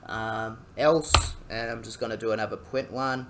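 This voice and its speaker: A young Australian man, a student, talking through a coding tutorial in a halting, casual way, full of ums and jokey asides. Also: lowish voice, steady tone, fairly bright tone, a little hiss or hum. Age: young adult.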